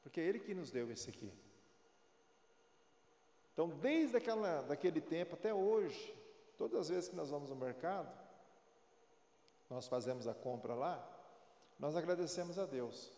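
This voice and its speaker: A pastor in his forties delivers a sermon, slipping into homey storytelling and direct questions to the congregation. His voice sits somewhat high for a man. The sound bounces around a large, echoey church hall with a long tail. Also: lively intonation, normal speed, pauses often, dark tone. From Brazil. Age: 40s. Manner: storytelling, conversational, preachy.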